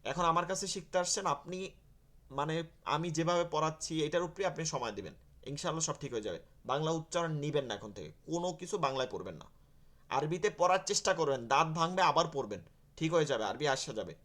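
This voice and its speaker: Higher-voiced man teaching Arabic letters. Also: lively intonation, fairly quick. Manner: explains step by step, then drills letter sounds for students to repeat; conversational, gently correcting pronunciation. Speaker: Quran reading teacher. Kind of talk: online class lecture.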